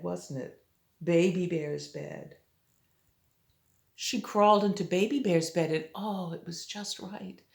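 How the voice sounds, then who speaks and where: An older woman with a sweet old lady manner tells a children's story as a grandmother, gently coaxing the listener with little questions. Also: fairly low pitch, gravelly. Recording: roomy, echoey home recording.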